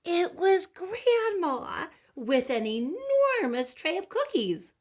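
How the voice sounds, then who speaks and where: A woman reading a picture book to young children as an expressive narrator, sing-song and emphatic. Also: very high voice, slow pace. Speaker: children's story reader, preschool teacher.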